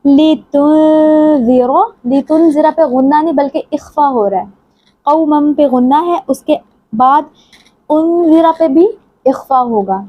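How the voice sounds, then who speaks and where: A woman teaching the rules of Quran recitation, explaining briskly and then reciting each verse slowly in a melodic chant. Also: high voice, muffled recording. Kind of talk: tajweed lesson with chanted recitation.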